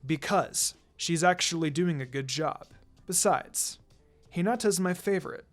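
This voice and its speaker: In a fan fiction reading, a narrator voices a calm adult male ninja teacher who is measured, instructive and dryly teasing, with a gently teasing mood overall. The voice is natural and mid-range, and faint music plays behind it.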